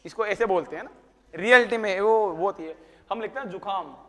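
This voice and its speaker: A man's voice: high-pitched, brisk, bright, forceful tone, in a large hall. A male teacher giving a history lesson to a class, teasing students and asking questions that he then answers himself. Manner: teasing, talks to students by name.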